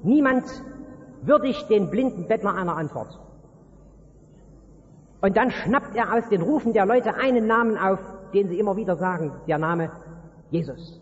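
Guy preaching a sermon, high voice, talks straight to you, long echo in a big hall. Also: animated, normal speed, pauses often. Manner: addresses listener directly, emphatic storytelling. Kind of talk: evangelistic sermon. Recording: dull recording with long hall reverb.

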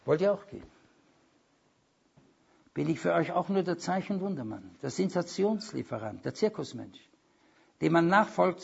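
A man's voice: fairly high pitch, vocal fry, breathy edge. A man preaching a sermon with emphasis, quoting scripture and dropping wry asides. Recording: dull lo-fi sermon recording.

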